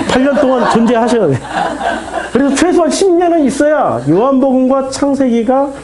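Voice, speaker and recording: Male pastor, lively, mellow tone, emphatic sermon delivery with plenty of rhetorical questions. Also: high voice, rough recording.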